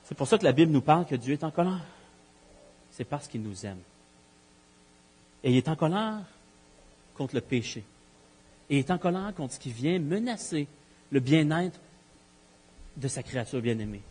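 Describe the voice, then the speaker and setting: Husky-voiced pastor preaching. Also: male voice, fairly high pitch, animated, normal speed, long pauses, a little mellow. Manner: emphatic, rhetorical questions, repeats key phrases. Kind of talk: sermon. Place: church. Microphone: live-streamed church recording.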